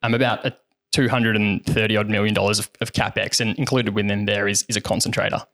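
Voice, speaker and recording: A man's voice: lowish voice, flat delivery, quick pace, fairly bright tone. A man, a podcast co-host giving analysis in casual discussion.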